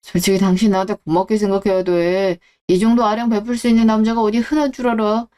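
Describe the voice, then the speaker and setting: A woman's voice: medium pitch, flat delivery, fast, warm tone, clean tone, natural voice. A woman voicing a callous, selfish middle-aged husband who talks scornfully and dismissively. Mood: contemptuous. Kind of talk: Korean audio drama reading.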